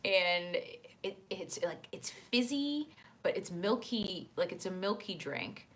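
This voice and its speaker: A woman casually chatting on a live stream, reading out chat messages, laughing often and filling pauses with "um" and "uh", speaking into a desk microphone. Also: mid-range voice, very animated. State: hiccuping.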